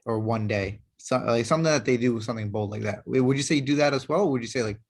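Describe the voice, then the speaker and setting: A man's voice: medium pitch, fast. A young man hosting a podcast, asking long, rambling questions with many stops and restarts. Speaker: podcast host. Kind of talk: casual interview.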